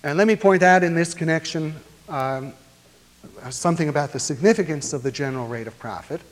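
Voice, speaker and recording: Man, lecturer, academic lecture, slightly high voice, deliberate with frequent pauses, long hall reverb.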